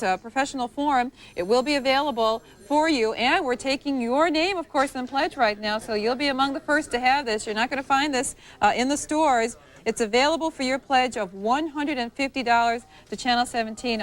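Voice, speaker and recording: A woman hosting a public television pledge drive, making a chatty, wordy, ad-libbed live fundraising pitch. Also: fairly bright tone.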